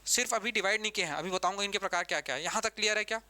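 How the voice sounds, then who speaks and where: A man's voice: high voice, very fast, bright, forceful tone. A man teaching an exam-prep grammar lesson, who repeats key terms and keeps asking the class questions.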